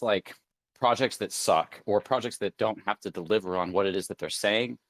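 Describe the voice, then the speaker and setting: A man with a very low voice hosts a casual live chat, rambling and thinking aloud with plenty of fillers. The sound is dry and close, with no room around it. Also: no echo. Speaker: crypto show host.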